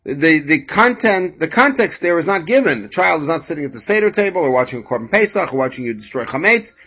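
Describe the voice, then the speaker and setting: Man lecturing, slightly high voice. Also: animated, pushed and bright, muffled recording. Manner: measured, explanatory, reads Hebrew passages aloud. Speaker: Torah teacher. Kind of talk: lecture on a religious text.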